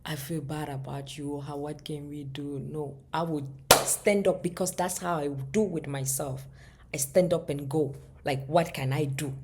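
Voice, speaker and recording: A woman with a low, warm, mellow voice gives a reflective personal talk. Her tone is husky and a little breathy. She speaks earnestly, restarts her phrases often and sometimes drops to a soft near-whisper. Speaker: relationship vlogger.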